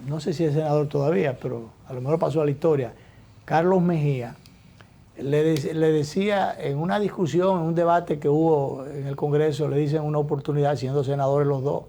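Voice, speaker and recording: A man hosting a talk show, offering political commentary in a measured, reflective way with frequent hesitations and restarts. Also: fairly high pitch, steady tone, warm tone.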